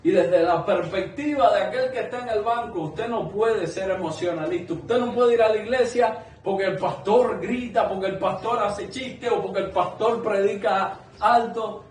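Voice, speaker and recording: A man's voice: high-pitched, moderate pace, hardly any pauses. A man preaching a sermon to a small congregation, earnest and conversational, asking many rhetorical questions. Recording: echoey room, mic at a distance.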